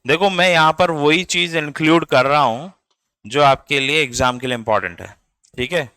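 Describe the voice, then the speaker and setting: A man's voice: fairly high pitch, moderate pace, bright, forceful tone, clean tone, no room sound. A man, teaching biology in a classroom lecture, explaining step by step and checking in with his students. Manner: spells out words letter by letter.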